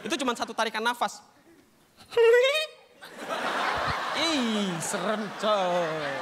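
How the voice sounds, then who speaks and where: A young man doing a stand-up comedy set, telling stories in an animated, slangy way and acting out characters. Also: very high voice, heavy background noise. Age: young adult.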